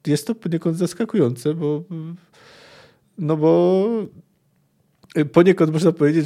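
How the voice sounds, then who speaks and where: A man's voice: on the high side, dark tone. Hesitant man reading and commenting. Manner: thoughtful, hesitant. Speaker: podcast host discussing a book.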